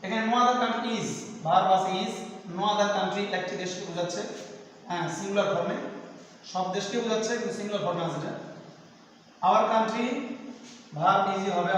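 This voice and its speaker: A teacher giving a grammar lesson, explaining step by step and asking questions, then answering them himself. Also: male voice, high-pitched, fairly bright tone, slight background noise. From Bangladesh. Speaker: assistant teacher. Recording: echoey room, voice far from the mic.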